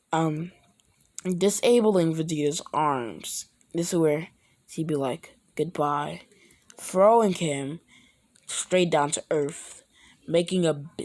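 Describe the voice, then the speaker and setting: A woman's voice: sits low, a little mellow. A woman casually telling an improvised fan story, rambling, hesitant and correcting herself often.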